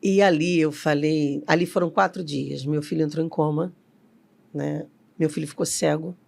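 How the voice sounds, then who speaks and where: A woman's voice: low-pitched, steady tone, moderate pace, gravelly, darkish tone. A middle-aged woman, a company CEO telling a personal story as an interview guest and acting out the voices she quotes.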